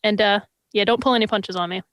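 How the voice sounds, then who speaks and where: A woman's voice: medium pitch, fast, a bit bright, no room sound, studio quality. A woman co-hosting a live-streamed podcast, making upbeat announcements full of puns. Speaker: podcast co-host.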